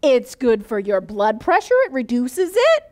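A woman's voice: a little high, very animated, unhurried, a little mellow. A woman leading a church children's message, upbeat and enthusiastic as she explains.

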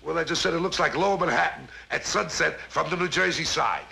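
An actor playing a good-natured, bumbling police officer, eager and excitable. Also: male voice, fairly high pitch, brisk, vocal fry, husky, full character voice. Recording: hissy old TV soundtrack.

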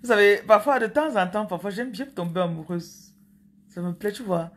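Acting as a spiritual coach, a woman chats playfully with her viewers in a casual monologue, tossing in teasing asides. She speaks at a medium pitch and a moderate pace.

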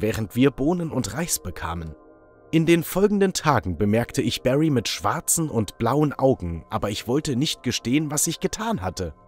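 This is scripted narration of a first-person tale, read by a man whose voice sits in the mid range. He performs it with lively, expressive energy.

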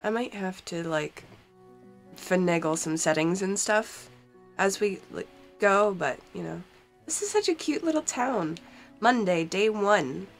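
A young gaming channel host with a cold-stuffed nose chats casually through a let's-play, reading the game's text aloud in her cold basement in front of a green screen. Her mid-range voice has lively intonation and a slightly slow pace, recorded on a desk mic while she wears headphones, with faint music behind.

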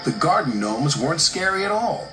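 A man narrating a children's story with expressive, animated delivery. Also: fairly high pitch, moderate pace. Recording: roomy echo with music behind.

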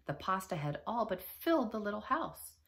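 Animated woman reading a children's story. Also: medium pitch, normal speed. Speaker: teacher reading aloud. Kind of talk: children's read-aloud narration.

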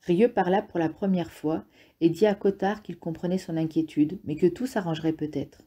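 A woman reads an audiobook in a steady, even manner. Her voice is low and very dark, with a husky grain. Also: moderate pace. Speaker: audiobook reader. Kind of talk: audiobook narration.

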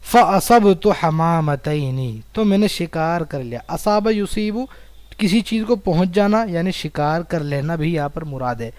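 A man's voice: a little high, lively intonation, darkish tone, no echo. A man with an Indian Urdu accent teaching an Arabic lesson. He reads each line in Arabic and then explains it word by word in Urdu. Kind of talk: recorded online lesson, reading and translating.

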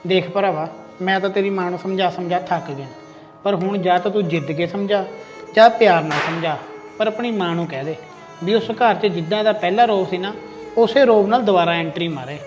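A man's voice: high-pitched, brisk, over music, lightly acted. A man playing a loyal, protective younger brother-in-law in a family drama, earnest and lecturing. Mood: earnest, advising. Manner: earnest, lecturing, threatening when angered.

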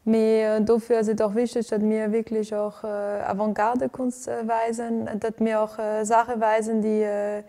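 Her voice is on the high side and warm, level in tone, moving at a moderate pace with few pauses. She is a Venezuelan woman, an arts director, answering interview questions in a living room lit for filming, with frequent fillers and restarts.

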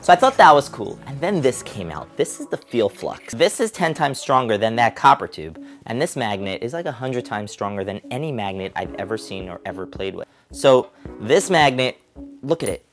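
A man hosting a science vlog, demonstrating a toy with excited, emphatic exclamations. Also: medium pitch, moderate pace, soft background music. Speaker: host. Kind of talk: enthusiastic product demo vlog.

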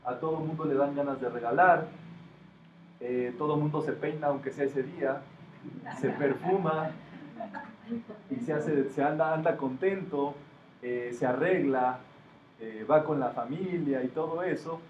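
A man teaches a classroom group, explaining ideas and putting questions to his listeners. His voice sits a little high for a man. The recording is taken from a distance in an echoey room, sounding dull with a faint hiss. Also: a little slow, long pauses. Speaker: metaphysics teacher. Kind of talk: classroom talk to students.

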